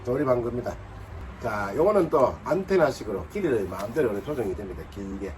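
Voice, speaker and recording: A man's voice: mid-range voice, lively intonation, quick pace, a little hiss or hum. A man with a Gyeongsang accent chatting through a demonstration of his fishing gear. He banters with himself, asking questions and then answering them. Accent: Gyeongsang Korean. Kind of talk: casual product demonstration.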